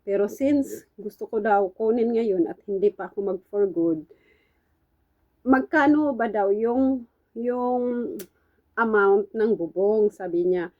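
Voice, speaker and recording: A woman's voice: medium pitch, dark tone, dull audio. A woman from the Philippines in her thirties, an overseas domestic worker chatting casually to her viewers and calling them guys again and again. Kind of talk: casual chat vlog.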